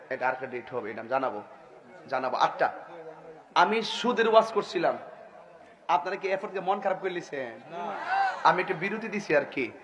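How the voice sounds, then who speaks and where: A man preaching a humorous sermon in a chatty, joking way, often laughing as he talks. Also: fairly high pitch. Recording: live event with loud crowd.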